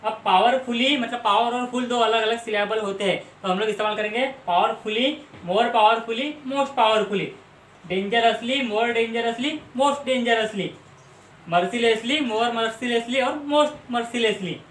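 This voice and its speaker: Speaking at a normal speed, a man from Maharashtra, India, with a very high-pitched, fairly bright voice gives an explanatory lesson on English grammar. He patiently explains and repeats word lists, recorded in a roomy setting with faint background noise.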